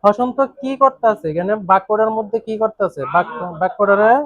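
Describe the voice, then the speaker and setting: A man's voice: sits high, brisk, no room sound. A man, teaching a grammar class, repeatedly asking students questions and coaxing answers. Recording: dull dry classroom recording.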